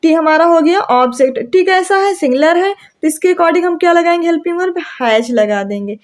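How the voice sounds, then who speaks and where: High-voiced woman teaching grammar. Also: lively intonation. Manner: asks questions and answers them herself; drawls example sentences slowly. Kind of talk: classroom grammar lesson.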